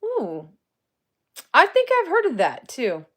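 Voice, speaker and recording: A high-pitched, fairly bright voice with huge pitch swings moves at a slow pace. It belongs to a forty-something psychic medium and paranormal streamer casually answering viewer comments on a livestream, often laughing, greeting viewers by name and using everyday grammar.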